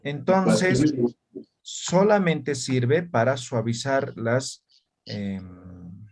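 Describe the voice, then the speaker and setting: A man's voice: medium pitch, very slow, darkish tone. A man teaching an online language class, explaining patiently and checking often that students follow.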